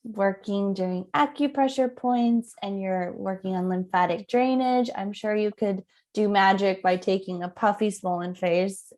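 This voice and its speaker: A woman co-hosting a podcast, upbeat, reading announcements and quotes smoothly. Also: medium pitch, measured pace, few pauses, darkish tone. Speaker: podcast co-host. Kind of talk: podcast chat and read announcement.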